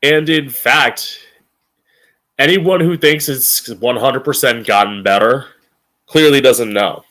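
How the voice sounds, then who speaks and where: A man's voice: mid-range voice, takes it slowly, fairly bright tone. A man with a campy drag queen manner hosting an informal opinion monologue, emphatic and opinionated, with plenty of swearing. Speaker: podcast host.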